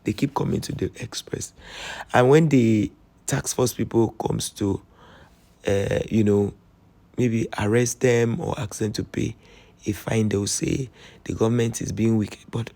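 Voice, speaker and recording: Hoarse, gravelly Nigerian man narrating a vlog. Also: on the low side, steady tone, a little slow, warm tone. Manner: chatty, earnest, pleading with viewers. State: hoarse, voice strained. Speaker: travel vlogger.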